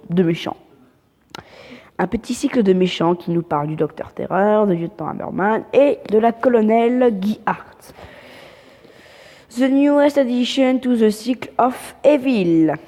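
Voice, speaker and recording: A woman with a French accent gives a casual rundown of a game update, talking slowly and hesitantly with plenty of fillers and false starts. Her voice is soft and mellow, and a long reverb trails behind it. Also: mid-range voice. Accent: French accent in English. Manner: hesitant, full of fillers and restarts. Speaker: gaming channel host.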